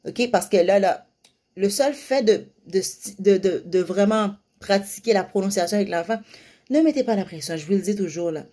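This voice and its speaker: A young woman giving parents casual advice, lively and now and then slipping into sing-song baby-talk examples. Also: mid-range voice, normal speed. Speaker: parenting vlogger giving tips.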